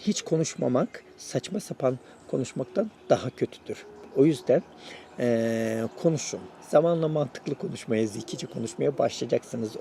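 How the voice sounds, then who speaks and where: A man's voice: medium pitch, creaky, warm tone, a little hiss or hum. A man hosting a casual spoken lesson, encouraging his viewers and repeating his advice as he shares his own experience learning a language. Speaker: YouTube host sharing his Russian learning.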